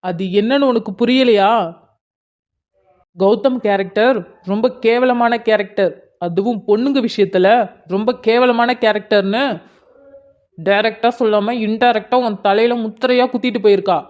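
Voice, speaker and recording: நேரடியாகக் கண்டித்தும் ஆறுதல் சொல்லியும் பேசும் விசுவாசமான இளைஞன் நண்பனாக நடிக்கும் ஒருவர்; கார்ட்டூன் நாடகக் குரல். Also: male voice, high voice, steady tone, moderate pace, lightly acted. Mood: scolding. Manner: scolding then soothing, direct. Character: blunt loyal young male friend. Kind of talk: cartoon drama voice acting. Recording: dull lo-fi sound.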